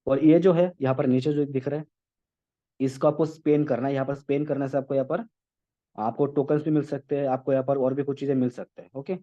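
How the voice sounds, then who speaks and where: A man's voice: mid-range voice, little pitch movement, fairly quick, warm tone, lo-fi sound. A man presenting a casual tutorial to an online meeting, who explains step by step and keeps checking in with his listeners. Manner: explanatory, checks in often with "okay?" and "right?". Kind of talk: casual screen-share tutorial. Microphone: online meeting call audio.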